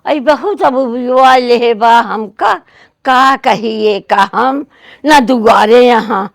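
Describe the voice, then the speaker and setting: An annoyed village woman acted by a woman in a comedy sketch, muttering complaints slowly in a high voice. She has an Awadhi accent, and the sound is dry. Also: creaky, no echo. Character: annoyed village woman waiting at a locked door.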